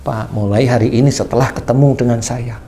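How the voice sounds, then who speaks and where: A man preaching a slight touch, telling a story in a lively way. His voice is mid-pitched, and he acts out both sides of a conversation. Faint room noise sits behind him. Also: fairly quick. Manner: animated, acts out dialogue with a patient. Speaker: Islamic preacher. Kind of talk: sermon storytelling.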